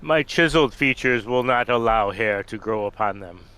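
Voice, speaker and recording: A man's voice: medium pitch, moderate pace, sharp tone, clean tone, close to an everyday voice, poor audio. A man voicing a vain, courtly hero in a bold, grandiose heroic voice for a tabletop game. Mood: grandly courteous.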